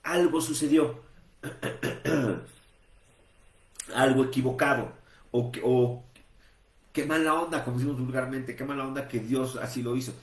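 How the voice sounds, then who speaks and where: A man's voice: medium pitch, fairly even intonation, measured pace, pauses often. Man preaching a sermon in an echoey room. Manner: teaching in numbered points, with rhetorical questions and restarts. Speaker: pastor.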